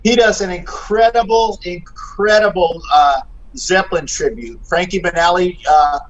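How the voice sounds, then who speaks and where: A man's voice: high-pitched, measured pace, lo-fi sound. A middle-aged man, a guest guitarist, telling stories in a casual chat and acting out the quoted lines, with many fillers. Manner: animated, acts out quotes, frequent fillers.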